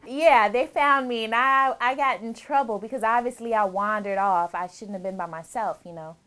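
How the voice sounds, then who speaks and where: A woman in her thirties who is about to marry answers interview questions in a relaxed, chatty way, cheerfully remembering her German childhood with lots of laughter and fillers. Her slightly high voice is bright and forceful, moving at a moderate pace, and the recording is clean.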